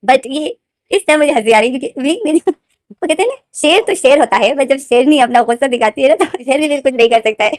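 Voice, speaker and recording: A woman's voice: sits high, lively intonation, fairly quick, no room sound, studio quality. A woman retelling a fan fiction story in casual chat, mixing in English words and giggling now and then. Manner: chatty, mixes English words into Hindi.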